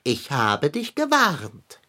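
A man's voice: fairly high pitch, huge pitch swings, slow, bright, forceful tone, exaggerated voice. A man voicing a pompous, grandiloquent male house cat in a children's audio drama, speaking in old-fashioned, lofty phrases. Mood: lofty, concerned.

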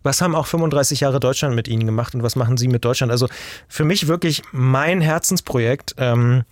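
Speaking fairly quickly at a medium pitch in a dry recording, a reflective German journalist and podcast maker from the country's east, in his forties, answers as an interview guest. His sentences run long, with frequent restarts and tag questions.

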